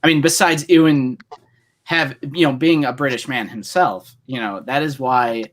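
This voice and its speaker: His mid-range voice moves at a moderate pace as he co-hosts a casual livestream. He rambles at length with lots of fillers, clearly an eager fan of what he's discussing.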